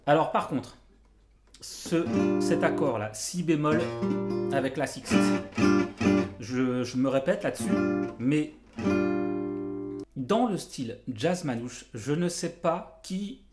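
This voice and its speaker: A man's voice: a little high, lively intonation, slow pace, pauses often, roomy sound. A man giving a casual guitar tutorial to camera, joking and self-deprecating, his mouth numb from dental anaesthetic. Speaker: jazz guitar coach and video teacher.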